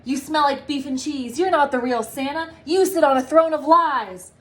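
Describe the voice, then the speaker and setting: A woman's voice: high voice, normal speed, fairly bright tone, pitched above the performer's own voice. A woman voicing a naive, earnest grown man raised as a Christmas elf in a storybook, exclaiming in a childlike, dramatic way. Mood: accusing.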